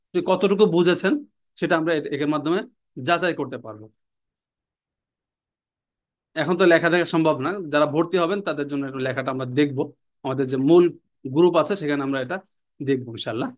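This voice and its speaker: A man teaching an online language class, repeating words and their meanings in a slow, drilling way. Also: a little high.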